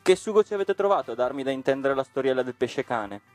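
Man reader doing cheeky puppet boy, high-pitched, taunting, storybook. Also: expressive, normal speed, soft background music, lightly acted. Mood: defiant. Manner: taunting, sharp retorts. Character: cheeky wooden puppet boy, mocking and defiant. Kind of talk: storybook reading.

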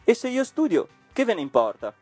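Man reader doing cheeky puppet boy, high-pitched, taunting, storybook. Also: wildly swooping pitch, a little fast, no echo, soft background music, full character voice. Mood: defiant. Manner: taunting, sharp retorts. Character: cheeky wooden puppet boy, mocking and defiant. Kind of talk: storybook reading.

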